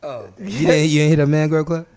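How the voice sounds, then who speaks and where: Dude co-hosting, slightly high voice, blunt teasing comebacks, real slangy. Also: male voice, fairly quick, a little mellow. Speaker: podcast co-host. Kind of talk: casual banter.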